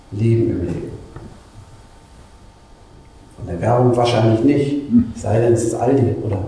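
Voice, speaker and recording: A man preaching a sermon in a church, lively and conversational, with asides and little jokes. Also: on the high side, slight background noise. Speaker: pastor. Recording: very echoey church room.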